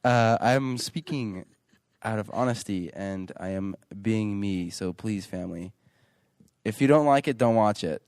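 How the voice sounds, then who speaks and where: A man's voice: lowish voice, unhurried, a little mellow, no echo, studio quality. A nineteen-year-old man co-hosting a podcast in casual chat, joking and rambling with lots of fillers and restarts. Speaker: podcast co-host.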